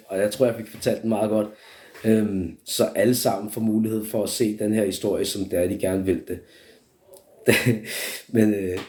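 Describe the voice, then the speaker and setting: A young man tells a story on a casual live stream. He rambles, swears freely and restarts his sentences again and again. His voice sits at an ordinary middle pitch for a man. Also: a little mellow. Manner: rambling, profane, with many restarts.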